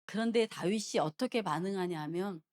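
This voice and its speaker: A woman's voice: medium pitch, brisk, a little mellow. A woman pastor preaching a sermon in a church, telling a Bible story and often questioning her congregation.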